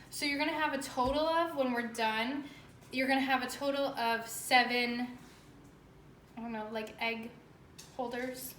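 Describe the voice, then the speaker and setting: A woman's voice: high-pitched, a bit bright. A woman hosting a home baking tutorial, talking the viewer through each step in a chatty, informal way. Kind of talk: casual step-by-step cooking demonstration. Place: indoor home kitchen with echo. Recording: echoey room, faint background noise.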